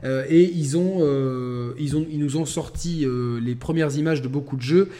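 A man hosting a casual gaming podcast, talking with animated stops and restarts. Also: mid-range voice, normal speed. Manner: animated, stumbling restarts, laughing storyteller. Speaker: podcast host.

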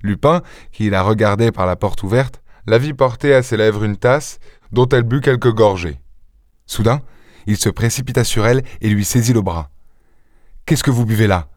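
A man reading a classic novel aloud in a clear, measured, expressive narration. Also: lowish voice, no room sound, studio quality. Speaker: audiobook reader. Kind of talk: literary audiobook narration.

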